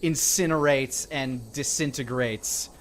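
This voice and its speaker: A man's voice: mid-range voice, slow, slight background noise. A man narrating as dungeon master in a live-streamed tabletop game, describing the scene with fillers and restarts.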